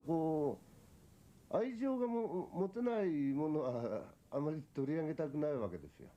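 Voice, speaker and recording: Man heard through a dull, lo-fi old radio recording, very fast, with a dark, lively delivery. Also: a little high. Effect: old 1961 radio recording. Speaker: filmmaker speaking on a radio program. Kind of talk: radio interview remarks.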